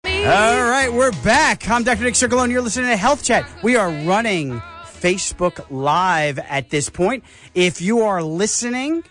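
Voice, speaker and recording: An older man with a New York accent, hosting a radio health talk show and telling stories in a casual, animated way. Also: high voice, measured pace, soft background music. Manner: animated storyteller, acts out voices.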